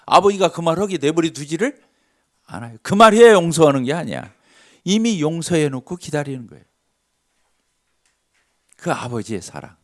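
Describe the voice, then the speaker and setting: Animated Korean preacher man. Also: a little high, fairly quick. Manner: lively preaching, asks the congregation questions, acts out dialogue. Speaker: pastor. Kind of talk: revival sermon. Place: church sanctuary.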